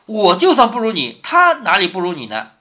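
A man's voice: sits high, huge pitch swings, a little fast, sharp tone, full character voice. A man voicing a blunt, tomboyish young noble girl from a classic novel. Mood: challenging.

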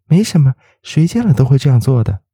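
A man voicing a calm, mysterious young woman of about twenty-five in a spoken ghost story, light and lilting. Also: mid-range voice, moderate pace, slightly rough, no room sound, studio quality, voice pushed up, natural voice.

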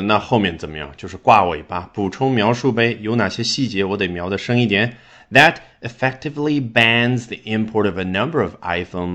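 A man with a fairly low voice teaches an English lesson, walking through a sentence piece by piece. His pitch swings widely as he stresses key words and poses rhetorical questions. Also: a bit bright. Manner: explains with rhetorical questions and emphatic rises. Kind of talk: recorded language lesson.

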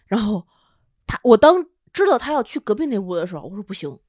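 A woman podcast co-host, telling a personal story in casual chat, animated and often breaking into laughter. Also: medium pitch, fast, husky, dry recording, studio quality. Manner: animated, laughing storyteller with lively quoted dialogue.

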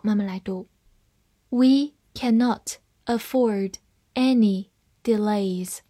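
A woman teaching English vocabulary in a scripted lesson, spelling words letter by letter and modeling slow, careful readings. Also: on the high side, darkish tone.

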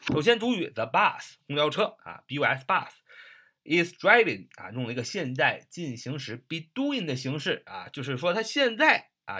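A man's voice: a little high, pushed and bright. A man teaching English vocabulary in a recorded lesson, repeating each word several times, spelling it letter by letter and using many filler particles.

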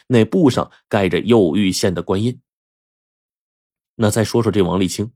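A male storyteller with a husky, fairly low voice narrates a folk tale with lively, animated swings. The recording is close and dry. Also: dry recording. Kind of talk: oral storytelling.

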